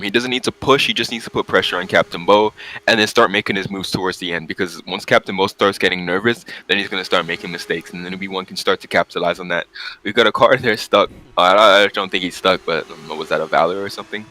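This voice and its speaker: A man's voice: low-pitched, fast talker, pushed and bright, rough recording. A man hosting casual, chatty live commentary on a sim race.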